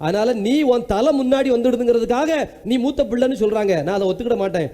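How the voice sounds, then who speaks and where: A scheming younger twin , as a priest puts him on, haggles fast and persuasively for his brother's birthright. The voice is high and mellow, and the delivery is quick and bargaining.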